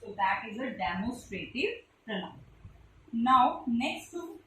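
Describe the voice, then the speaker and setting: A woman's voice: fairly high pitch, big pitch swings, slow pace, fairly bright tone, a little hiss or hum. A woman teacher with an Indian English accent, explaining grammar step by step to pupils in a classroom and spelling out letters. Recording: echoey room recorded from a distance.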